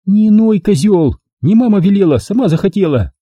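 A man reading an audiobook, putting on the voice of a sharp-tongued, scolding woman. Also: big pitch swings, brisk, slightly rough, no echo, clean studio sound, heavily acted. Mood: mocking. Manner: shrill, mocking, bossy. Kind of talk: audiobook character voice.

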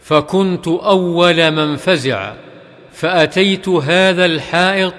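A man reads hadith aloud at a slow, deliberate pace, his voice sitting a little higher than most men's. Some phrases rise into a melodic chant, and a long hall reverb trails after each line. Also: fairly bright tone. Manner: measured, careful reading. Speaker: hadith reader.

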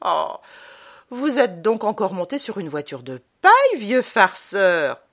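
A woman voicing a kindly mother superior nun from a storybook, fond and gently teasing. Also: mid-range voice, wildly swooping pitch, measured pace, full character voice.

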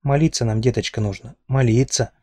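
A man voicing a kindly, fussing old servant woman in an audiobook, speaking slowly and soothingly. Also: medium pitch, a little mellow, close to an everyday voice.

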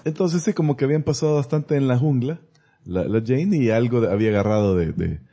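A man's voice: mid-range voice, a little fast, mellow. A man chatting casually on a podcast, recapping a film with rambling restarts. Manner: rambling, recounts scenes with restarts. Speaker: podcast host. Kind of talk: casual movie review chat.

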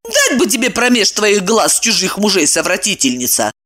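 A woman reading a story aloud, voicing a brash, sharp-tongued young woman who scolds and exclaims. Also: medium pitch, wildly swooping pitch, normal speed. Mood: indignant.

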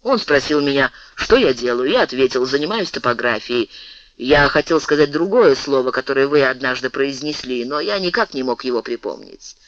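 A man rumbling as a booming sleepy giant. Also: animated, normal speed, fairly bright tone, no room sound, muffled recording. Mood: grumbling. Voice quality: booming, gruff. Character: huge, good-natured, loud sleepy male giant.

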